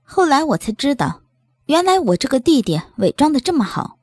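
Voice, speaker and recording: A woman's voice: sits high, big pitch swings, moderate pace, a little mellow, dry recording, studio quality. A woman reading an audiobook voices a sly, teasing base leader who talks in a light, giggly way. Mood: grave.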